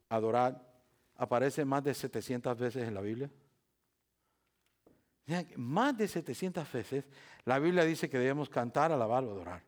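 In church, a pastor with a medium-pitched voice preaches, repeating phrases and putting rhetorical questions to the congregation. His delivery ranges from soft talk up to loud, emphatic passages.

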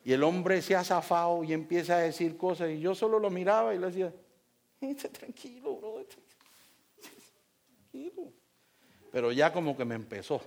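A man preaching as a pastor, telling a humorous story in an animated way, acting out the dialogue and talking straight to his congregation. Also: on the high side, quick pace, few pauses. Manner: animated, acts out dialogue, talks directly to congregation.

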